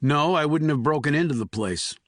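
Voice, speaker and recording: A man's voice: fairly high pitch, a little fast, fairly bright tone, no echo, clean studio sound, lightly acted. A man voicing terse army investigator Puller. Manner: terse, controlled.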